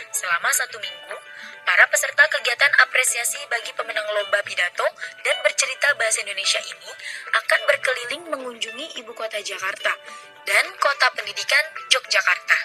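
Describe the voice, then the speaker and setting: A woman reporter reading scripted narration for a travel feature. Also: fairly high pitch.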